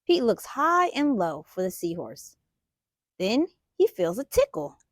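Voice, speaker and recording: A woman's voice: medium pitch, big pitch swings, unhurried, no room sound, studio quality. A woman hosting a children's storytime, reading a picture book aloud expressively and putting questions to young listeners. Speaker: children's storytime host and reader.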